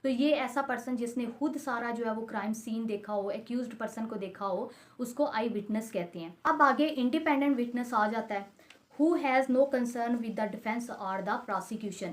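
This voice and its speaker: A law lecturer with a fairly high voice and a Pakistani accent teaches didactically, restating every point and working through examples. She mixes English technical terms into her sentences.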